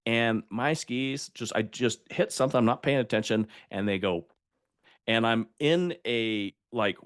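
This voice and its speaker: A man's voice: medium pitch, a little slow, clean tone, no echo, studio quality. An older man speaking as a podcast guest, telling stories in an emphatic way and laughing at himself. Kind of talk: conversational interview.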